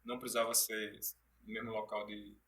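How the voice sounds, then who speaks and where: A man's voice: fairly low pitch, completely flat delivery, brisk, sharp tone. A man being interviewed as a guest actor, telling stories animatedly in casual chat with frequent restarts. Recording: distant from the mic.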